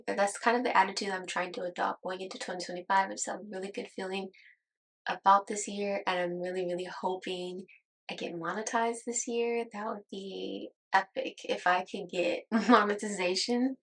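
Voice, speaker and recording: A woman's voice: mid-range voice, fairly even intonation, normal speed, fairly bright tone, poor audio. A woman in her thirties from Las Vegas who chats casually about herself in a get-to-know-me vlog. She laughs often and is amused at her own remarks. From Las Vegas, United States. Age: 30s. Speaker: YouTuber.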